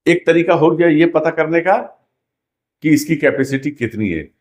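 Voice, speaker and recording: Lively, higher-voiced male rigging instructor. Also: moderate pace. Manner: explanatory, repeats key terms as questions to the class. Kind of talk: classroom teaching with demonstrations.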